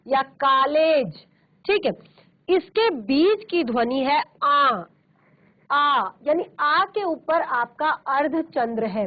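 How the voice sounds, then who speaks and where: Lady teacher explaining grammar, high voice, keeps saying "theek hai", sounds phone-thin. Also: phone-quality sound. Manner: explanatory, repeats "ठीक है" often; slows down to model pronunciation. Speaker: Hindi teacher. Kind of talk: virtual classroom lesson.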